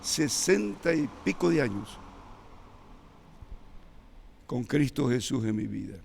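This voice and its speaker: A man, preaching a sermon in slow, measured phrases with emphatic rises. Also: mid-range voice, big pitch swings, vocal fry, darkish tone, slightly rough. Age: 80s. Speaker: church elder preaching. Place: church sanctuary. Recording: long hall reverb in church.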